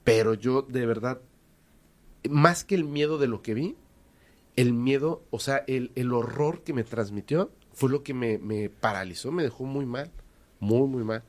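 A man with a Mexican accent telling a story in casual conversation, animated and hesitant, repeating words for emphasis. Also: medium pitch, measured pace.

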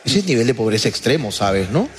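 A man's voice: medium pitch, sing-song, slight background noise. A young man hosting a comedy podcast, teasing and crude in casual chat. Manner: teasing, crude, quick-witted.

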